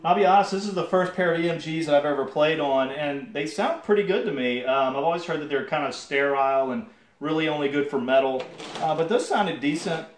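A young man casually demoing a guitar at home, talking in a relaxed, halting way with many fillers, picked up by a camera mic some distance away. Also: on the high side. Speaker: guitar reviewer. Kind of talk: casual gear demo talk. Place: home music room with guitars and amps. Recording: roomy sound from off-mic. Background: electric guitar playing.

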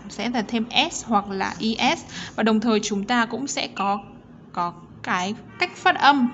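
A Vietnamese woman with a Vietnamese accent, teaching English pronunciation to children slowly and step by step, often checking with "ok". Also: mid-range voice, highs cut off, slight background noise. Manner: slow, explains sounds step by step, often asks ok.

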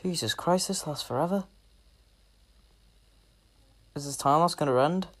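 A man giving casual vlog commentary outdoors, talking quietly and awkwardly with a self-deprecating manner. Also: fairly high pitch, fast. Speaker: vlogger. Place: outdoors in wind on open grassy shoreline and streets. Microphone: handheld phone. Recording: windy outdoor phone recording, heavy noise. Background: loud wind noise.

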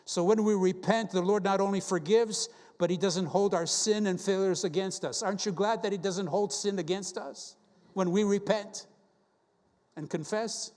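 High-voiced man preaching in a reverberant church. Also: steady tone, moderate pace, a little mellow. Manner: earnest, rhetorical questions, quoting scripture. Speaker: guest preacher. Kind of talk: sermon. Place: church sanctuary.

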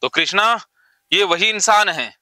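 A man's voice: high-pitched, expressive, unhurried, sharp tone, no room sound. A male psychologist leading a client through a therapy exercise, talking in an urgent, commanding way and repeatedly calling out encouragement.

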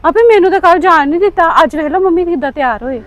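Woman playing a quick, high-voiced Punjabi daughter. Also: animated, lo-fi sound, a crowd in the background. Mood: defensive. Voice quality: pleading, soothing. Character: young adult daughter, peacemaking, quick-talking. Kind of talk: village family drama.

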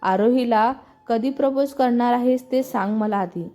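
A woman's voice: a little high, a little slow, dark tone, faint music behind, natural voice. A woman voicing a playful, teasing young man, the hero's best friend, in a storybook reading. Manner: teasing, mock-dramatic.

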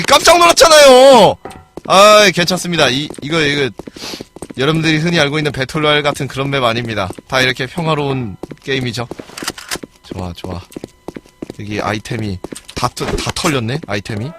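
A man streaming a game live and commenting as he plays, excitable, swearing and yelling at other players. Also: medium pitch, noisy background.

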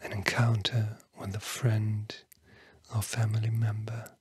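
A tired-sounding ASMR host whispers a bedtime talk in a mid-range, level voice, hushed, soothing and breathy, leaving long pauses. There's no echo.

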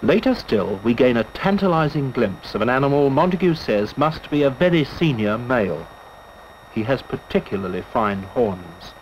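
A man narrating a nature documentary from a script, telling the expedition in measured, literary first-person style. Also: medium pitch, lively intonation. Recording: dull lo-fi old film soundtrack with hiss.

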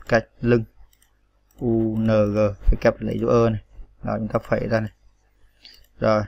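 A man's voice: on the low side, gravelly, lo-fi sound. Patient man spelling out keystrokes. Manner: patient, spells out each key, many fillers. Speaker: computer tutorial instructor. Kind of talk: step-by-step screen tutorial.

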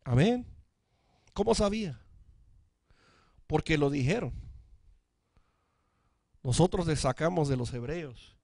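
A man's voice: fairly high pitch, animated, takes it slowly, long pauses, darkish tone, no room sound, clean studio sound. A male pastor, preaching a sermon, calling out for amens and dropping in English words. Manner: preaching with frequent calls for amen.

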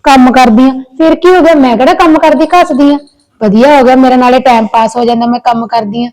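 A caring but anxious elder sister-in-law talks on earnestly, pleading and complaining in long runs, played by a woman. Her voice is fairly high and mellow. It is plain village short-film acting. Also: fairly even intonation, a little fast, lightly acted, low-quality recording. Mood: worried, caring. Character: elder daughter-in-law, childless, kind and anxious.

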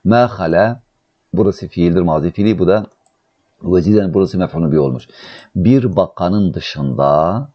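Male grammar teacher, very low voice, patient step-by-step explainer, dull muffled recording. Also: creaky. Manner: explains step by step, asks and answers his own questions; slows right down when reading out model translations. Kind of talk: recorded online grammar lesson.

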